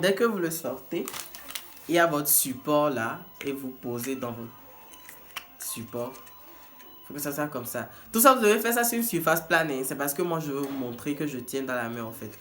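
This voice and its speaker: A man's voice: mid-range voice, a bit bright. A man who works as a peer educator in prevention, casually walking viewers through a test kit and often stopping to restart and repeat his words. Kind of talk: casual hands-on product demonstration.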